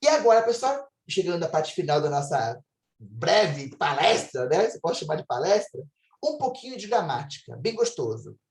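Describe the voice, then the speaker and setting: A man's voice: fairly high pitch, very animated, normal speed, gravelly. A man with a Brazilian Portuguese accent giving an enthusiastic recorded lecture as a Latin teacher, drawing out his model pronunciations. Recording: echoey room.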